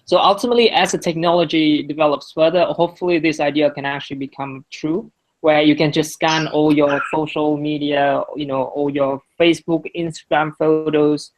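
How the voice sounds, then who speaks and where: Presenting his class project before taking questions, a young Vietnamese-speaking man talks at a moderate pace in a fairly high voice with little pitch movement. The audio quality is poor. He hesitates a lot, filling gaps and frequently starting his sentences over.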